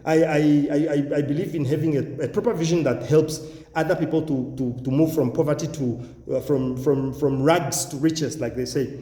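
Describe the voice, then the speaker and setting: A man with a Namibian accent, a YouTube channel host who also works as an education agent and English test coach, gives viewers an informal promotional talk. His slightly high, dark-toned voice stays steady at a moderate pace as he boasts confidently and repeats phrases for emphasis. The room sounds echoey and reverberant.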